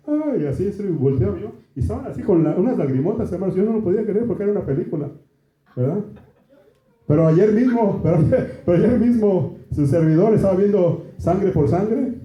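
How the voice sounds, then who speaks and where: A Mexican man with a Mexican Spanish accent, a pastor delivering a conversational sermon and often turning to the congregation with asides. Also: high voice. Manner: conversational preaching, keeps asking "¿verdad?" and "hermanos". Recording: echoey room, dull lo-fi sound.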